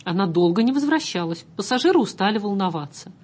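A woman narrating a story aloud in an even, measured way. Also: mid-range voice. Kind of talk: audiobook story reading.

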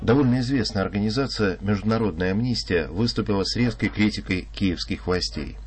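A man's voice: on the low side, brisk, over music. A man delivering a radio editorial commentary in a pointed, ironic argumentative tone.

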